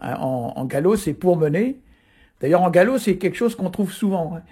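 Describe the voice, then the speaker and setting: A man's voice: sits high, animated, moderate pace, dark tone, husky. A man from Brittany explaining Breton words as a radio guest, in a hesitant, explanatory way with many fillers. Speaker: Breton language guest teacher.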